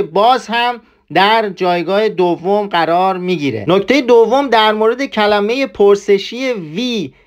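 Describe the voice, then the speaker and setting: High-voiced man teaching a lesson. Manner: patient, repeats points. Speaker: German language teacher. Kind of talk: explaining a language lesson.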